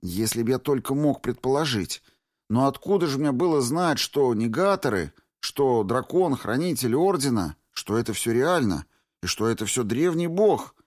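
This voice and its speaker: A man's voice: a little high, expressive, no echo, studio quality, pitched above the performer's own voice. Man doing a panicky young necromancer. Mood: panicked. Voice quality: fretful, rushed inner monologue.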